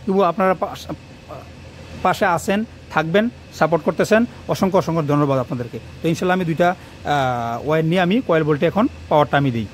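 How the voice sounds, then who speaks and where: A man, an electrician talking quickly and repetitively through a hands-on wiring tutorial, recorded on a phone in a workshop. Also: fairly high pitch, slight background noise. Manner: fast, rambling, repeats himself while working. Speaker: electrician teaching wiring on his channel. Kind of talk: hands-on tutorial talk to camera. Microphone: phone camera propped nearby.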